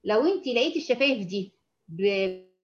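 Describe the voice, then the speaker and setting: Teaching Quran recitation, a woman with an Egyptian Arabic accent explains patiently and demonstrates sounds slowly in this tajweed lesson. Her mid-range voice is expressive, though the audio is dull.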